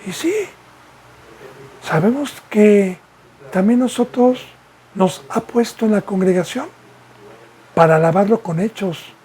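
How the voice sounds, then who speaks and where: A man's voice: sits high, slow, long pauses, mellow. A man from Mexico, preaching a sermon as a pastor and asking repeated rhetorical questions. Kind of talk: sermon teaching.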